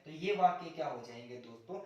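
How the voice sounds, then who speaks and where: A man with a high voice teaches an exam grammar lesson. He asks a question, answers it himself, and calls his viewers "friends" again and again. He stands far from the mic in a very echoey room. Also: expressive, a little fast, warm tone.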